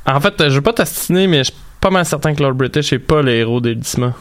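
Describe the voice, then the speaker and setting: Clear-voiced Quebec man hosting casually. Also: fairly high pitch, lively intonation, fast talker. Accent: Quebec French. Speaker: host of a gaming show. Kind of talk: casual chat, loosely hosting.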